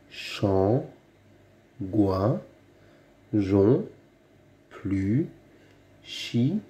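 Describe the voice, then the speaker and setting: A man giving a slow phonics reading lesson for young children, saying each word several times over. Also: lowish voice, dark tone. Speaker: reading teacher.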